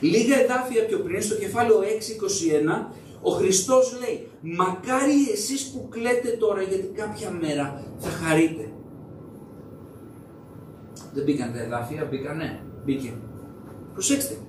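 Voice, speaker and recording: In a church hall, a young man with a high voice preaches in a conversational style, posing questions to the congregation. The mic sits at a distance in the echoey hall, and the background is noisy.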